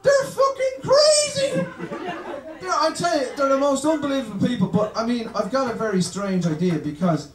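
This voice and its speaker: A man's voice: very high-pitched, lively intonation, fast talker, few pauses. An Irish man doing a crude, rowdy stand-up set on a club stage, swearing often. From Ireland. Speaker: stand-up comedian. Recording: roomy live club, distant mic, crowd laughter. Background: laughing audience.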